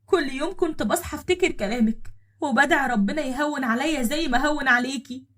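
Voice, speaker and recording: A woman's voice: high voice, unhurried, fairly bright tone, voice pushed up. A woman with an Egyptian accent voicing a remorseful young woman who pleads tearfully for forgiveness in a spoken story. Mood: pleading.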